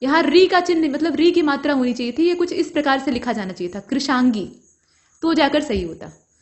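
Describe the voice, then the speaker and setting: A woman's voice: sits high, fairly quick. A woman teaching Hindi grammar for an exam, working through each answer step by step and checking in with her students as she goes. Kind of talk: explanatory lesson.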